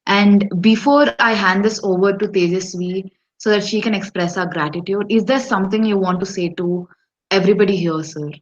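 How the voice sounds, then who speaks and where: A woman's voice: mid-range voice, fairly even intonation, moderate pace. Indian-accented woman interviewer, dull audio. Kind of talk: polite, formal question-and-answer hosting.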